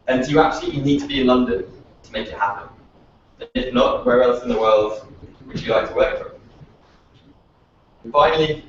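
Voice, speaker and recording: A man's voice: medium pitch, a little hiss or hum. Guy giving a thoughtful prepared talk, really echoey room, mic far away. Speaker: startup founder speaker. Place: echoey venue room at a meetup. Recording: echoey, distant, dull lo-fi audio.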